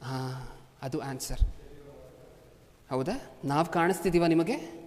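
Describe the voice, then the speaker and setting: A man's voice: on the high side, slow pace, a little mellow, slight background noise. A man preaching a sermon to a congregation, constantly asking them rhetorical questions. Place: large hall before a congregation. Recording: long hall reverb.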